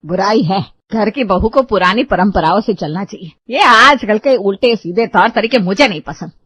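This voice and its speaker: A woman voicing a sharp-tongued traditional mother-in-law who scolds loudly in a cartoon story. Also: lively intonation, normal speed, husky. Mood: indignant. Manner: scolding, shrill and loud. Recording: dull lo-fi dry recording.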